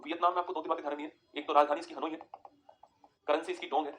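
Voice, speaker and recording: A man teaching a geography lesson over a map, talking quickly and repeating points for students to write down. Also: a little high, little pitch movement, a bit bright, a little hiss or hum. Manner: rapid, repetitive, tells students to write points down.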